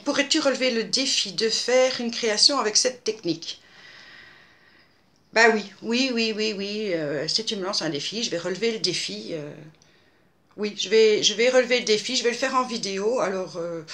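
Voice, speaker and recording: Woman in her fifties, crisp bright voice, halting and chatty, answering viewer questions. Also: mid-range voice, expressive. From Belgium. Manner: hesitant, many fillers and restarts. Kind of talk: casual Q&A monologue.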